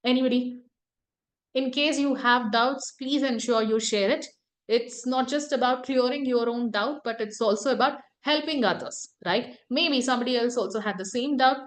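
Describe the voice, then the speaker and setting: Woman trainer teaching an online class. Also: fairly high pitch. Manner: tag questions, repeated emphasis. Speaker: presentation skills trainer.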